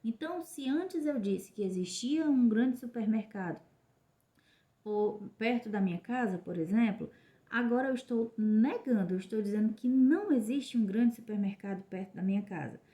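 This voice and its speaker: A Brazilian woman teacher with a slightly high voice gives a recorded lesson to children. She explains each step slowly and clearly and moves between Portuguese and English. Her tone stays patient and easy to follow. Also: lively intonation, warm tone.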